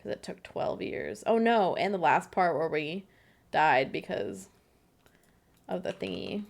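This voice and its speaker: A woman's voice: lowish voice, animated, a little slow, vocal fry. A woman streaming a game live, chatting bubbly and giggly with her co-op partner. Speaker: livestreamer. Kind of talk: casual gameplay chat.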